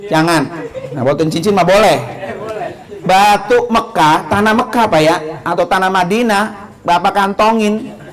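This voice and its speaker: High-voiced man. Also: a little slow, poor audio. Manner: animated, asks the listeners questions and answers them himself. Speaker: religious speaker. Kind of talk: informal religious talk to a grieving family.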